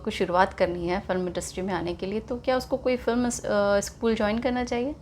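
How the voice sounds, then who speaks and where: A woman's voice: medium pitch, little pitch movement, fast talker, darkish tone, slight background noise. A young woman hosting a radio interview, asking polite questions and addressing her guest as sir. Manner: brief agreeing backchannels, polite with sir.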